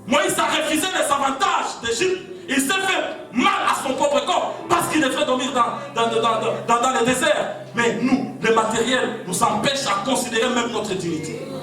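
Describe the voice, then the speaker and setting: A man from the DRC with a Congolese French accent and a very high voice preaches a fiery political sermon at a rally, speaking at normal speed. He shouts his refrains in repeated rhythmic cadences. The recording comes from far off in a large, very echoey hall at the gathering, with music playing behind him.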